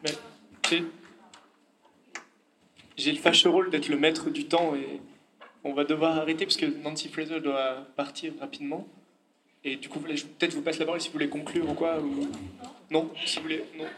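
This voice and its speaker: Flat-toned man moderating, with background noise. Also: fairly high pitch, normal speed, pauses often. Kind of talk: informal closing remarks at a public event.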